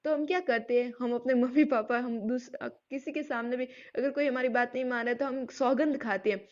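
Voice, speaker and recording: A woman teaching a literature lesson. She recites verses slowly and draws them out, then explains them in plain talk. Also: on the high side, steady tone, darkish tone, dull audio.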